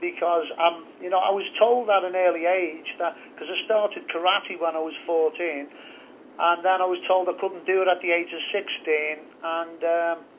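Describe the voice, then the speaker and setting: A man's voice: high-pitched, steady tone, normal speed, slight background noise. A middle-aged man, talking openly and chattily as a guest in an interview by phone. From north of England. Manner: candid, chatty storytelling. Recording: tinny phone line.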